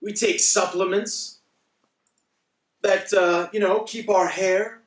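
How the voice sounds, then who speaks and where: A man's voice: sits high, steady tone, takes it slowly. A man preaching a devotional Bible teaching, telling humorous stories with wry asides. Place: church. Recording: echoey room, speaker far from mic.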